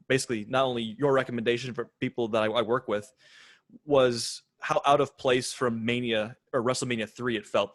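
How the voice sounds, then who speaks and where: A man's voice: mid-range voice, a bit bright, dry recording. Easygoing male podcast co-host who leads the segments, dry close recording. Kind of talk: casual chat.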